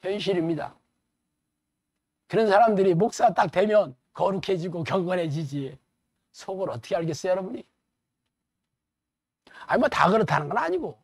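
Animated colloquial male pastor preaching. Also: high voice, moderate pace, pauses often, no room sound, studio quality. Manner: animated, colloquial, rhetorical questions. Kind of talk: sermon lecture.

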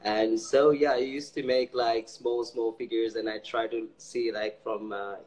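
A man's voice: medium pitch, level tone, measured pace, a little mellow, poor audio. A young man from Sri Lanka, a guest on a video call, talking casually and hesitantly, with lots of fillers and false starts. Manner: hesitant, many fillers and restarts, laughs easily. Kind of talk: casual interview chat. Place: indoors, dark room, video call. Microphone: video call mic.

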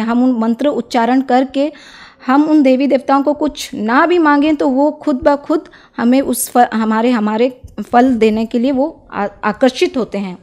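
A young woman speaks as an interview guest, making her case earnestly and persuasively. Her voice sits a little high, and she often pauses on soft filler sounds between phrases. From Odisha, India. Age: young adult. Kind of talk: devotional testimony interview.

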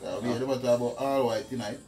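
A man's voice: mid-range voice, fairly quick, music in the background. A man with a Jamaican accent, a barber, answering questions casually in a small barbershop. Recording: roomy phone audio from across the room.

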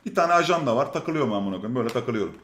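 A man's voice: mid-range voice, animated, very fast, a bit bright, roomy sound, a little hiss or hum. A man telling a long, funny story in a casual way. He swears often, laughs, and acts out the lines of other people. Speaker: storyteller on a stream.

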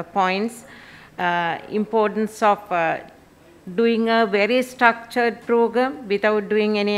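A middle-aged woman with a Sri Lankan accent speaking formally as a symposium moderator through a face mask. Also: mid-range voice. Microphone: podium microphones.

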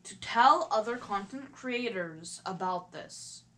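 A woman's voice: mid-range voice, animated, slow pace, sharp tone, a little hiss or hum. A woman gaming YouTuber talking casually to her viewers while playing, hesitant and stuttering, often restarting her sentences. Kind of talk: casual vlog talk while playing a game.

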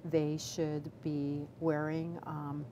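A middle-aged woman physician speaks low and deliberately, pausing on fillers as she answers a live Q&A. Her sentences restart as she picks her words. A clear hiss of noise runs under her voice. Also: completely flat delivery, lo-fi sound. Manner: measured, with many fillers and restarts. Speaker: obstetrician gynecologist, chief medical officer. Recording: background noise.

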